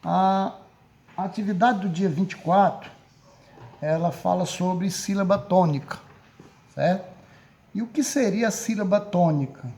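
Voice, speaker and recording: A man's voice: high voice, unhurried, pauses often, darkish tone. A man with a Brazilian Portuguese accent teaching a recorded grammar lesson, speaking patiently and often checking in with his students. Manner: patient, repeats and checks with "certo?".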